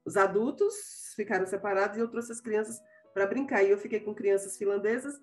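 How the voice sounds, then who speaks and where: A Brazilian woman chatting casually as host, cheerful and quick to laugh. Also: medium pitch, steady tone, faint music behind. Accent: Brazilian Portuguese. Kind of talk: casual chat.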